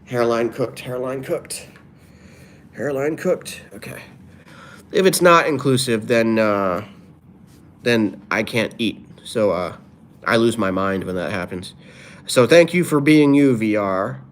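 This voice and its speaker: His voice is on the low side, animated but unhurried, with slight background noise behind it. The man chats casually on a live stream, reading viewer comments and slipping in playful rhymes made up on the spot.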